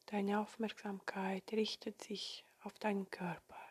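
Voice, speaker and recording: Slow, soft half-whispering woman guiding meditation. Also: mid-range voice, flat delivery, slightly rough. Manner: soothing, gentle instructions with long pauses. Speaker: meditation guide.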